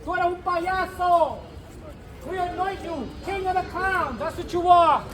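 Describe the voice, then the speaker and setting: A man in his fifties from New York, heckling at an outdoor rally, shouting and repeating taunts in English and Spanish. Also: very high-pitched, unhurried. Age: 50s. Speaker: street protester. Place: outdoors by a city building. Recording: crowd and street noise. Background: crowd, traffic.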